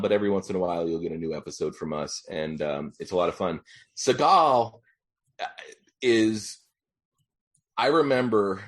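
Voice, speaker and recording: A man in his forties, a podcast guest, talking casually with many ums and pauses. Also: lowish voice. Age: 40s. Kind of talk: casual chat.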